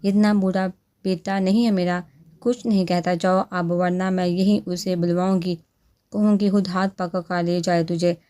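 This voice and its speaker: A woman's voice: fairly low pitch, little pitch movement, normal speed, dark tone, lightly acted. Woman doing an old granny, firm but coaxing, storybook. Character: kindly old grandmother giving firm advice.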